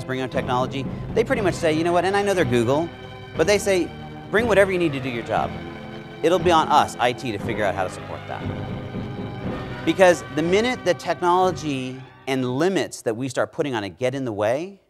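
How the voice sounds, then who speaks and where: A middle-aged man giving a conference keynote on a large stage, speaking emphatically into a lapel mic and dropping low on key words.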